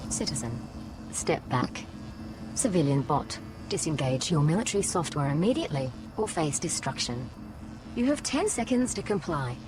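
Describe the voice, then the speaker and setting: A woman's voice: sits low, sing-song, moderate pace, loud music behind the voice. A woman voicing a polite but menacing security robot in a video game, formal and commanding. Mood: stern, threatening. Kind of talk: video game character acting.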